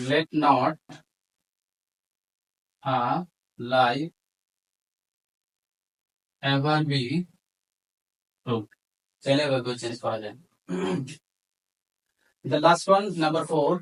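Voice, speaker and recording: A Bangladeshi-accented man teaches a grammar lesson, explaining in Bengali and methodically dictating English examples word by word. His medium-pitched voice draws out words and leaves long pauses. The recording quality is low.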